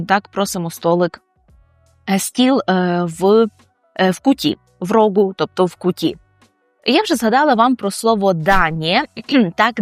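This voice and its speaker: A woman with a Ukrainian accent teaching Polish phrases, slowly repeating each model phrase. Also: mid-range voice, no room sound. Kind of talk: explaining Polish phrases with examples.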